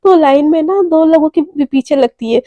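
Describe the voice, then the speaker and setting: A woman narrating a story in a loose, chatty way, filling her lines with little filler words. Her voice is high and mellow, recorded dry and close. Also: moderate pace, no room sound. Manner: chatty, uses many fillers. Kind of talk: casual spoken storytelling.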